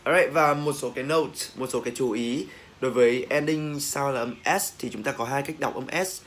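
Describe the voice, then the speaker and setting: A young man with a Vietnamese accent who teaches English pronunciation, repeating each word slowly for learners to copy. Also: mid-range voice, a bit bright, slight background noise. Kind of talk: recorded pronunciation lesson.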